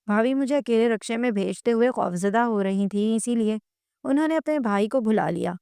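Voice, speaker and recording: A woman reading a first-person family story as a narrator, in a steady storytelling manner. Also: a little high, vocal fry, clear, resonant tone, dry recording, clean studio sound.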